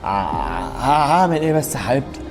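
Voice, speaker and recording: A man with an Egyptian accent playing a tired, evasive father who stammers and speaks gently to his daughters, in a scripted web drama. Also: medium pitch, sing-song, natural voice. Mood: tender. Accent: Egyptian Arabic. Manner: fast, hesitant stammers. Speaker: actor. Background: background music.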